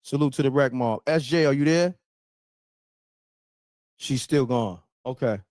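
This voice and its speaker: A man's voice: mid-range voice, a little slow, a little mellow, no room sound. A man hosting a live call-in show, talking casually and hyping up his audience. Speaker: livestream host taking calls. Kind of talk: casual hype talk show.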